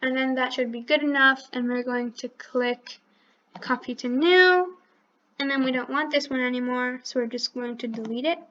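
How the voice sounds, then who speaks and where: High-voiced woman talking through a coding tutorial. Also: normal speed, fairly bright tone, lo-fi sound. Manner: thinks aloud step by step, correcting herself as she clicks. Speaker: channel host teaching coding. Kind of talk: screen-recorded coding tutorial.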